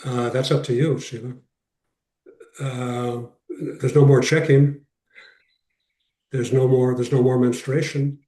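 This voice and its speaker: A man with a mellow, relaxed voice gives an informal religious lecture as a rabbi. He sounds set back from the microphone in a roomy, echoing space on a video call. He leans on short, repeated phrases to make each point. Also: mid-range voice, slow pace, pauses often. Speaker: rabbi teaching a class. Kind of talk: informal lecture with question and answer. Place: online video call session. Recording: roomy echo, distant from mic.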